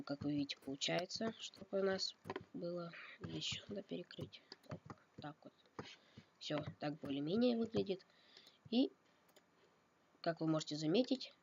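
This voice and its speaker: This game tutorial video maker sounds slightly ill, coughing at times as he casually thinks aloud and corrects himself. His fairly high voice carries vocal fry, and the dull lo-fi mic adds noise beneath the keyboard and mouse clicks.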